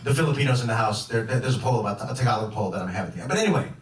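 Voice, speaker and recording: This is a young Chicagoan doing stand-up at a comedy club, speaking very fast with lively intonation and a medium pitch. His delivery is loose and rambling with many restarts, the audience laughs, and the echoey room is miked from a distance.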